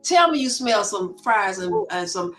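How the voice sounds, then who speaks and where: Slow-talking woman co-host. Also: fairly high pitch, very animated, over music. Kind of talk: casual discussion.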